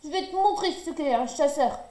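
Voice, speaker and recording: A woman's voice: sits high, normal speed, a little hiss or hum, voice pushed up. Hiawatha, a woman playing a cocky little boy. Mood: angry. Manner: boastful, excitable. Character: proud reckless little native boy hunter. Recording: roomy echo.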